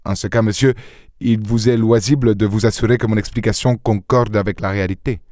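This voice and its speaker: A man reading an audiobook, voicing a calm, self-assured gentleman detective who explains his reasoning in a slightly lecturing tone. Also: lowish voice, brisk, no echo, clean studio sound, lightly acted. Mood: insistent.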